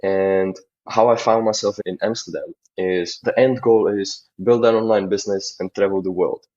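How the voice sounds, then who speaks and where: Husky, low-ish male guest in his twenties, from the Czech Republic, earnest and rambling, dull lo-fi audio. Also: fairly even intonation, normal speed, a little mellow. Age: 20s. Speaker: podcast guest. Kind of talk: casual interview talk.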